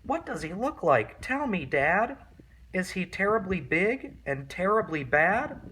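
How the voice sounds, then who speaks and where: A man's voice: high-pitched, big pitch swings, a little slow, pushed and bright, a little hiss or hum, voice pushed up, full character voice. Man voicing a bold, lifted little monster girl. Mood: eager, curious. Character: young female Gruffalo child, small monster, curious and bold. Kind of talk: children's picture book read-aloud.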